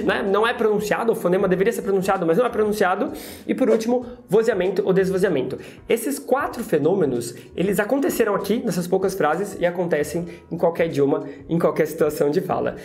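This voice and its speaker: An English teacher from Brazil giving a video pronunciation lesson, explaining sounds slowly and demonstrating them again and again. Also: mid-range voice, darkish tone.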